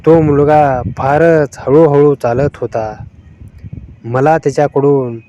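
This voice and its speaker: A man's voice: fairly high pitch, steady tone, takes it slowly, mellow, lo-fi sound, slight background noise. A man voicing a cheeky young female college student, making excuses in a pert, raised voice.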